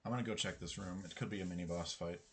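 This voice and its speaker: Talking rapid-fire in a low, steady voice with a bit of brightness, this streamer muses aloud while playing a game live. He banters chattily with his chat and drops the occasional swear word.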